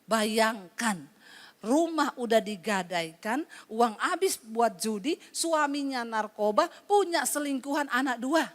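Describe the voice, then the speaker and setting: A woman pastor preaching a lively sermon to a congregation, joking with them and retelling conversations. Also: fairly high pitch, slow.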